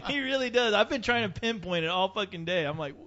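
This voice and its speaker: A man's voice: sits high, animated, quick pace, a crowd in the background. A man co-hosting a casual reaction chat, laughing often and swearing a lot. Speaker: co-host reacting to a TV show. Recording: dull lo-fi sound.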